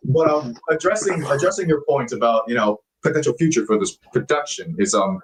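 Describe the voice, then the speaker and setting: A man guesting as an actor on a casual talk show tells stories in a chatty, self-deprecating way, laughing at himself. His medium-pitched voice is expressive and a little fast, hesitant with many fillers and restarts, heard over a noisy crowd in poor audio.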